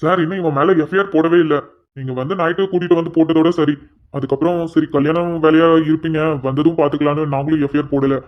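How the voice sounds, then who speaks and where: An eager police constable in a cartoon story, blustering and barking at a prisoner in a strikingly high voice, played by a man. The audio is dull and lo-fi. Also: fairly even intonation, fast talker, natural voice. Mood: dutiful. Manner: shouting orders, blustering.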